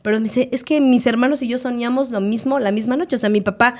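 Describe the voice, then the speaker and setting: This fast-talking Mexican woman, late thirties, has a fairly high-pitched voice and co-hosts a podcast. Chatting casually, she tells animated stories and acts out the voices of the people she quotes.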